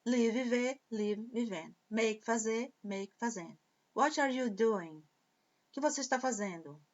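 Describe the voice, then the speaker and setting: Patient woman teaching English grammar. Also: fairly high pitch. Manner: slow and patient, repeats example phrases in English then translates. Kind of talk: explaining grammar to students. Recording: dull lo-fi sound.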